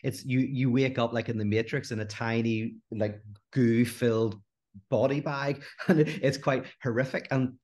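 A middle-aged man, a guest philosopher in an animated podcast conversation who acts out the voices in his anecdotes. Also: mid-range voice, normal speed.

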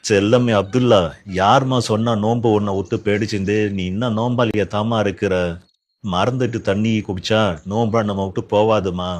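A man playing a gentle, patient father who calmly explains a religious rule to his children. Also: lowish voice, moderate pace, close to an everyday voice.

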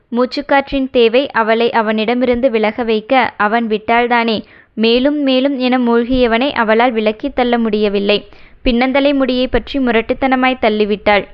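A woman reading a romance novel aloud as an audiobook narrator, in a steady storytelling manner. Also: a little high, clean tone, muffled recording.

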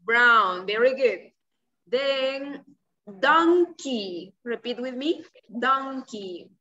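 A young woman whose native language is Spanish leads a preschool vocabulary lesson, speaking slowly, simply and encouragingly as if to a toddler and having the children repeat words after her. Her voice is a little high and sharp with lively intonation, heard through distant, slightly muffled video-call audio.

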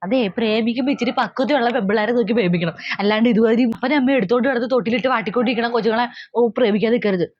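A woman voicing a scheming middle-aged mother-in-law who talks slowly and mockingly. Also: on the high side, no room sound, lightly acted. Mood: scolding. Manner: slow, coaxing, mocking. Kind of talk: comedy skit acting. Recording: slightly dull lo-fi audio.

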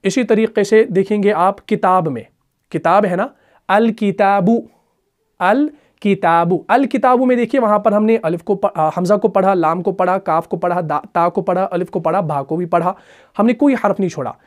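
A man with a fairly high voice gives a grammar lesson on reading the Quran. He chants example words slowly and drawn out, then explains them. He keeps pausing to check that his students follow. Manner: slow drawn-out recitation of example words, frequent "theek hai na" check-ins. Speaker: Quran teacher.

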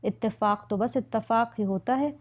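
A woman's voice: fairly high pitch, normal speed, darkish tone, lightly acted. Playful, teasing young friend, read by a woman. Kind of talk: audiobook reading.

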